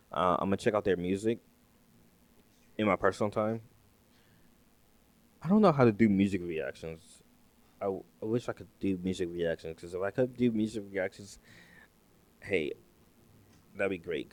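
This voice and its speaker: A man's voice: sits low, darkish tone, no echo. A man hosting a reaction video, talking casually and hesitantly, often repeating himself.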